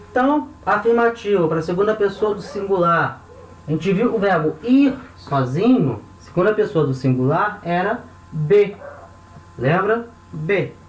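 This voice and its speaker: A man with a Brazilian accent teaching a recorded online lesson, patiently repeating words slowly and checking in with short questions. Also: high-pitched. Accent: Brazilian Portuguese, Rio de Janeiro. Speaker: language teacher. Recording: echoey room.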